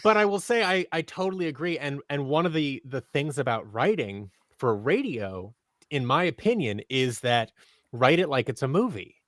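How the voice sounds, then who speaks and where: Speaking over a video call from a small indoor office, a guest who creates audio dramas, a man in his thirties, talks casually in a medium-pitched, fairly bright voice at normal speed. His intonation is lively as he acts out bits of imagined dialogue with animation. With headphones on and a close boom-arm mic, the sound is clean, studio-like, and free of room echo.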